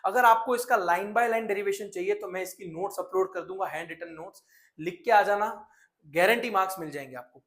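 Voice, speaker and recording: A lively man teaching a science class for exam prep, with a high voice. He switches between Hindi and English as he talks. He fires questions at the students and answers them himself. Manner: energetic, mixes Hindi and English, asks and answers his own questions.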